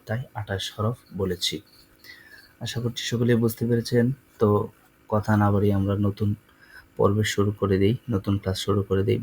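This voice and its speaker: A man teaching Quran letter sounds, saying each letter and its vowel twice in a slow, deliberate drill. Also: lowish voice, slight background noise, low-quality recording. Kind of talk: slow recitation lesson.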